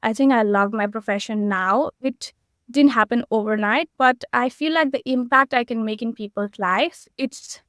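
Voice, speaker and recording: A woman's voice: on the high side, normal speed, fairly bright tone, no room sound, clean studio sound. A woman in her twenties from Nepal, answering interview questions in an earnest, encouraging way. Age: 20s. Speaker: guest.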